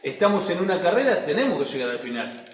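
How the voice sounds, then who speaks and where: A man's voice: high-pitched, big pitch swings, fast talker. A man with an Argentine accent leading a Bible study as pastor, reading scripture aloud and explaining it in a conversational way. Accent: Argentine Spanish. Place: church hall. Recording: echoey hall, reverberant room.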